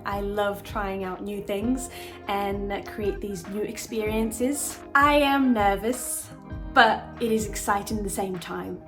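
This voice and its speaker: Woman vlogger, higher-pitched, music behind. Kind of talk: casual vlog talk to viewers.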